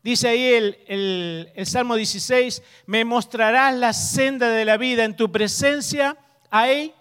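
High-voiced preacher in an echoing hall. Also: male voice, fairly bright tone, clean tone. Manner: asks the congregation questions, emphatic slow stresses. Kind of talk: sermon.

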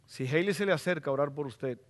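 A middle-aged man preaching a sermon as pastor in a church, fervent and rising to loud exclamations. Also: on the high side, quick pace. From Latin America.

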